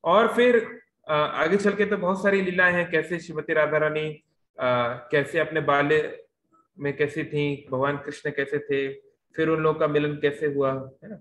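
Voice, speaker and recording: A man's voice: on the high side, fairly even intonation, moderate pace, fairly bright tone, echoey room, slight background noise, low-quality recording. A man giving a devotional youth lecture over a video call. He tells the story in a storytelling way, mixing in English words and using frequent fillers.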